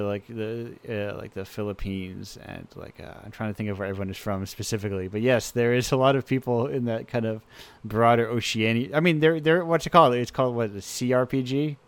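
A man's voice: mid-range voice, clear, resonant tone, no room sound. A man hosting a radio show, talking in an enthusiastic, rambling way with many restarts. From United States. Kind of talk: casual chat.

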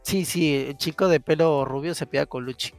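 A man chatting casually on a podcast, telling stories in an animated way and laughing often. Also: a little high, fairly quick, soft background music. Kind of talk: casual chat.

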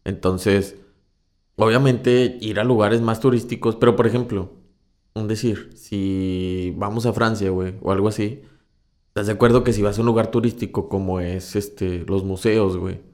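A man's voice: lowish voice, normal speed. A young man, chatting casually among friends in heavy slang. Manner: slangy, relaxed, peppered with güey.

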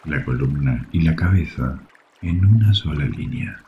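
A man with a Rioplatense Spanish accent leads a guided sleep meditation in a soft, soothing, hushed delivery with long pauses. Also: extremely low pitch, lively intonation, narrow, tinny audio, slight background noise. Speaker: yoga nidra guide. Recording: faint water ambience behind voice. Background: trickling water sounds.

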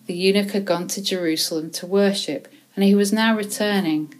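A woman reading a Bible chapter aloud in a measured, even way, now and then correcting a word. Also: mid-range voice, low-quality recording. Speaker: scripture reader.

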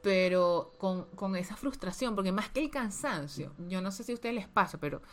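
A woman's voice: medium pitch, animated, normal speed, slight background noise. A woman speaking candidly and emotionally about being a mother, repeating words for emphasis. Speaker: podcast co-host, mother of a toddler. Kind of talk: candid casual chat.

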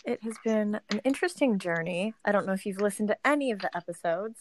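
A woman's voice: medium pitch, lively intonation, quick pace, a little hiss or hum. A woman co-hosting a podcast, chatting casually with short wry remarks. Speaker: podcast co-host. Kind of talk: casual chat.

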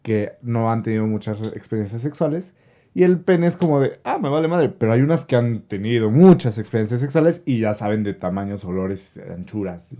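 A man's voice: lowish voice, animated, a little fast, warm tone. A young man with a Mexican Spanish accent, co-hosting a casual podcast chat. He jokes, laughs often and uses crude slang. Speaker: podcast co-host.

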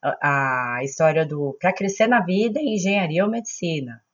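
Low-voiced Brazilian Portuguese woman, chatty. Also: animated, normal speed, dull audio. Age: 30s. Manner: chatty, informal, self-mocking. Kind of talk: casual podcast storytelling.

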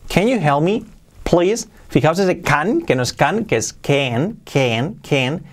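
In a video lesson aimed at Spanish speakers, a man teaches English phrases, saying each one slowly and more than once so learners can hear the pronunciation. His voice is a little high and has a sing-song quality.

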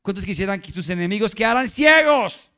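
A male pastor preaching a sermon in a lively, playful way, often asking the congregation questions. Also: sits high, a little fast.

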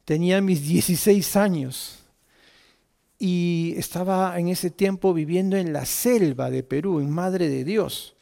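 A man, telling a personal story to an audience in an animated way and putting questions to his listeners. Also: high voice, a little slow, vocal fry. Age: 50s. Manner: lively, asks the audience questions, swings from quiet asides to loud peaks.

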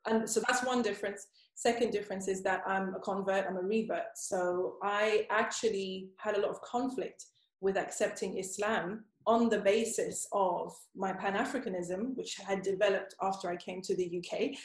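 A woman from Zimbabwe speaks on a panel in a measured, thoughtful way. Her voice sits in the middle of the range. The room around her is audibly echoey. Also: medium pitch, fairly even intonation. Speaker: panel guest. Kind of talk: panel discussion. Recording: roomy echo.

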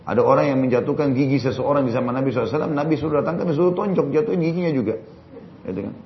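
A man's voice: mid-range voice, very fast. A man preaching and answering religious questions in a jokey lecture full of rhetorical questions. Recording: dull recording, faint crowd and noise.

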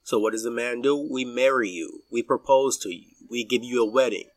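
A man in his forties giving his opinions in a casual podcast chat, halting with many fillers and restarts. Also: medium pitch, dry recording, distant mic. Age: 40s. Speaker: podcast guest.

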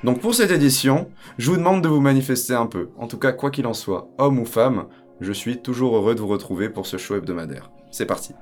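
Man, crypto news host, mid-pitched voice, upbeat, joking asides, faint music behind. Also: fairly quick. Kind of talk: weekly crypto news bulletin to camera.

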